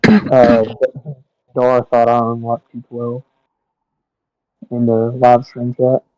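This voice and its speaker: A man's voice comes through muffled and dull, like it is coming through a wall over a lo-fi voice call. His tone is dark and dry, and he talks in a laid-back, slightly confused way during a casual gaming chat. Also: medium pitch, completely flat delivery, slow, no room sound. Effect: muffled, as if heard through a wall. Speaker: caller joining a voice chat.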